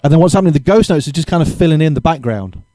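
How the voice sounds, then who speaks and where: A man giving a casual drum lesson, chatty and relaxed, correcting himself and counting beats aloud, with drums played between his explanations. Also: fairly high pitch, very fast, loud music behind the voice. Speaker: drum teacher. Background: drumming between explanations.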